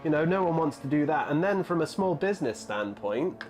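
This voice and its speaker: A man's voice: fairly high pitch, big pitch swings, fairly quick, darkish tone, soft background music. A man in his thirties chatting casually on a live stream, rambling with lots of fillers and answering viewers' messages. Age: 30s. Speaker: hobby streamer.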